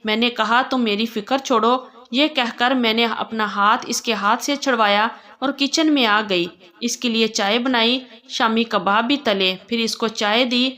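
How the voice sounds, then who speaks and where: A woman telling a first-person story in a steady, plain storytelling way. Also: on the high side, few pauses.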